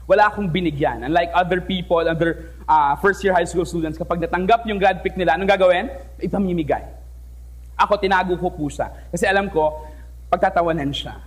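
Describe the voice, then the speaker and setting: Speaking a little fast in a high voice, a young man from the Philippines, a teacher, tells a personal story to a live crowd on an event hall stage. He's lively and playful, switches languages, and keeps asking the audience questions.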